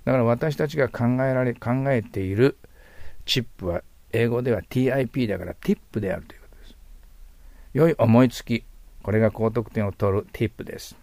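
A man teaching English vocabulary and pronunciation, explaining patiently and repeating words, slowing down for the English examples. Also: medium pitch, darkish tone, dry recording.

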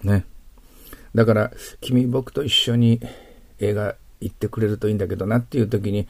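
A man's voice: lowish voice, steady tone, normal speed, no room sound. A man teaching English exam questions in a patient lecture, often checking in with his listeners. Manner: patient explaining, frequent tag questions.

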